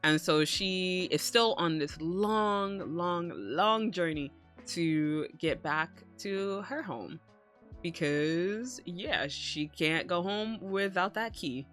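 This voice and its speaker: A woman's voice: fairly low pitch, slow, fairly bright tone. A woman chatting casually to her live-stream viewers in a cutesy, playful, bubbly and casually sweary way. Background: music.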